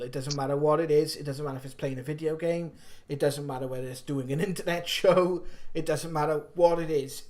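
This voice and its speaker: A man with a South Wales accent co-hosting a live stream in casual chat, halting at times and repeating phrases for emphasis. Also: a little high, darkish tone.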